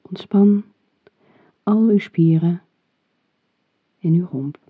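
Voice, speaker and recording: A relaxation guide leading a meditation in a calm, soothing, soft and breathy voice, giving measured instructions. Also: medium pitch. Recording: muffled phone-like audio, roomy echo.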